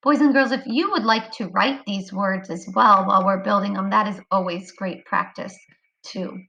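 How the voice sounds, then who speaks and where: A woman teaching a kindergarten phonics lesson online, speaking clearly and encouragingly to young children. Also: medium pitch, moderate pace, sharp tone, highs cut off.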